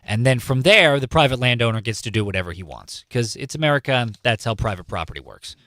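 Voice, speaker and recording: A man's voice: mid-range voice, animated, fast talker, fairly bright tone, no room sound. A man from California who hosts a morning radio news show, chatting casually and joking as he explains local news, often repeating points. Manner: chatty and jokey, explains things by repeating himself. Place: radio studio. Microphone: studio microphone.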